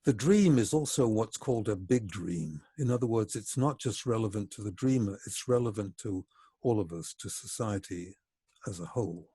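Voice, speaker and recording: A man giving a reflective psychology lecture, measured and explanatory, slowing down to stress key points. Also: on the low side, lively intonation, dark tone, breathy edge, no echo.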